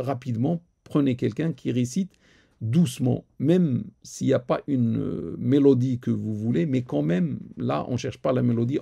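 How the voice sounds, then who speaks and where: An imam with Arabic as his first language hosts a live-streamed religious Q&A, his mid-range voice dark, mellow and gravelly. He answers questions hesitantly, with plenty of fillers and repeated words.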